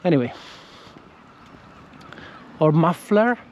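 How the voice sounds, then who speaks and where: A man vlogs casually on an outdoor walk, taking it slowly in a fairly high, expressive voice. Italian-accented and not a native English speaker, he is hesitant and often restarts or corrects himself. The action camera with a windscreen gives a lo-fi sound with a little hiss or hum.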